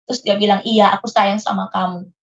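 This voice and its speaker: A woman's voice: mid-range voice, fairly even intonation, brisk, a little hiss or hum. A woman being interviewed, earnestly telling a painful personal story and acting out her past conversations. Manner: earnest, re-enacting her own past dialogue. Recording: muffled lo-fi recording.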